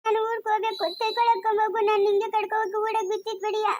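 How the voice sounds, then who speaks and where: A woman's voice: extremely high pitch, little pitch movement, very fast, darkish tone, no room sound. Woman playing a sobbing young village wife. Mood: tearful. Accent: rural Chikkaballapur Kannada. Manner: pleading, whiny. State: crying.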